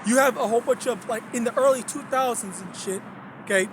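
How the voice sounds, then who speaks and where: Talking a little fast at an extremely high pitch, a young male religious vlogger rambles through a casual monologue with background noise. He starts over, repeats himself, leans on fillers, and keeps asking "okay?".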